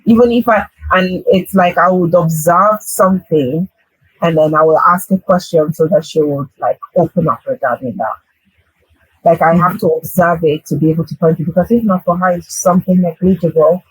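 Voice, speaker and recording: A woman guest telling a story in a casual podcast chat, animated and playful. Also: fairly low pitch, moderate pace, slightly rough, no room sound, rough recording. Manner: animated, playful, tells stories with rising emphasis.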